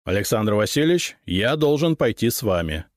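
A man's voice: lowish voice, moderate pace, no echo, clean studio sound, close to an everyday voice. A man voicing a determined, curt male secret-service chief in an audiobook.

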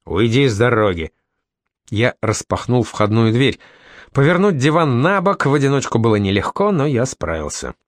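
Male narrator, first-person novel read, wry delivery, expressive pitch, dry booth sound. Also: normal speed, no room sound. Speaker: audiobook narrator.

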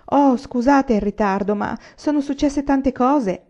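A woman reading the part of an eager, lively teenage girl in a storybook. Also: lowish voice, brisk, highs cut off, close to an everyday voice.

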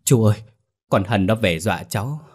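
A man voicing a terrified young village man who pleads in a rapid panic. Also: on the low side, breathy edge. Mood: shaken.

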